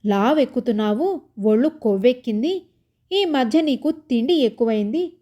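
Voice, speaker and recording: A woman's voice: a little high, lively intonation, normal speed, warm tone, muffled recording. A woman voicing a timid, plaintive housemaid. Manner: plaintive, helpless. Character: sad, timid young housemaid.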